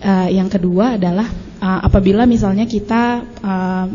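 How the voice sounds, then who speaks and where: Lady asking a question, pauses a lot, mellow voice, muffled and echoey. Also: medium pitch, steady tone. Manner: polite, hesitant, many pauses. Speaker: audience member asking a question. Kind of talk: polite question from the floor. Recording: echoey hall, muffled lo-fi with faint hiss.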